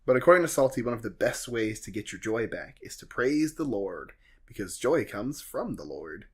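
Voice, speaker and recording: A man's voice: fairly low pitch, sing-song, moderate pace, husky. A young man co-hosting a podcast, recapping a show in a dry, sardonic, joking way. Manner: dry, sardonic, summarizing plot with jokes. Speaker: podcast co-host. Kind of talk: casual comedic recap chat.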